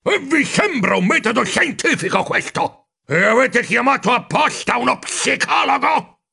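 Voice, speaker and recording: A pompous little rodent bristling with indignation, voiced by a man. His voice is squeaky and well above the narrator's own. He huffs at every word in this storybook reading. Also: animated, moderate pace, vocal fry, sharp tone, slightly rough, exaggerated voice. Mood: indignant. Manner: huffy and indignant.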